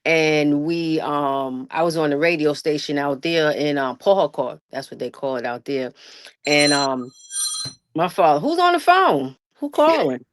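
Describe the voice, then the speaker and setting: A middle-aged woman from Brooklyn, New York, with a New York accent and a deep voice, speaks at a measured pace over background noise. She's a guest artist in a casual interview, telling animated stories full of slang and laughing often.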